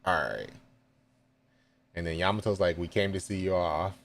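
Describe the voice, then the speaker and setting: A man's voice: low voice, moderate pace, gravelly, a little hiss or hum. A man reading a manga chapter aloud live and reacting with casual asides and chuckles.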